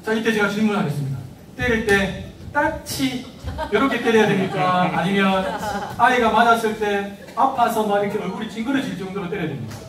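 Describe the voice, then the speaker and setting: A high-pitched man preaches to parents, picked up from a distance in an echoey church hall with faint ambience behind. He asks the congregation questions and acts out the voices of parents and children. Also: quick pace, crowd noise. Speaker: pastor. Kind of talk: sermon to parents.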